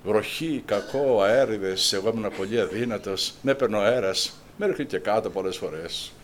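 An older man from Greece preaches an emotional sermon in a low voice. He drops into hushed, near-whispered prayer, then climbs into loud, high cries. A faint hiss sits under the recording.

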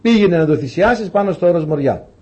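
Husky, emphatic male preacher. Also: on the high side, animated, mellow, rough recording. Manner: emphatic and rhetorical, acting out Bible stories. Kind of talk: sermon.

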